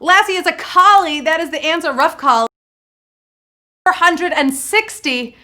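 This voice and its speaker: A woman's voice: extremely high pitch, a little slow, bright, forceful tone. A woman hosting a live trivia game show, bubbly and jokey, cracking puns and talking to the players in the chat. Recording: faint music behind.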